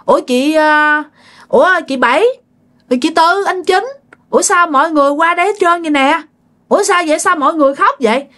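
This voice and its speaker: A woman voicing a frightened fifteen-year-old country girl who asks rapid, bewildered questions. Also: high voice, a bit bright, pitched above the performer's own voice.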